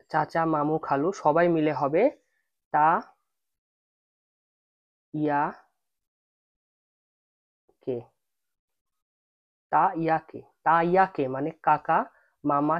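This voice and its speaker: A man's voice: on the high side, dry recording, highs cut off. A man teaching a language lesson, patiently repeating each word and breaking it into syllables. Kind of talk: slow spoken language lesson.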